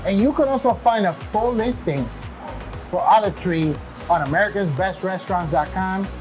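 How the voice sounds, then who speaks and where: Male food-show host, forties, casual and energetic, with faint music underneath. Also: sits high, moderate pace, rough recording. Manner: casual and energetic, with short affirmations. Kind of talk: upbeat show hosting. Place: small restaurant kitchen indoors. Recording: background music.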